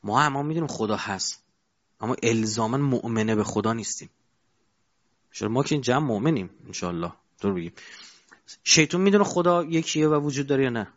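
Man preaching a lively sermon, lo-fi. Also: medium pitch. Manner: asks the audience rhetorical questions, shifts between loud and quiet. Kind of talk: colloquial sermon with anecdotes. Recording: dull lo-fi recording.

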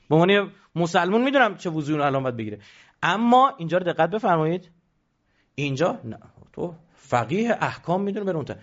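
A man giving an animated religious lecture, emphatic and rhetorical, now and then mimicking the voices of others. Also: a little high, muffled recording.

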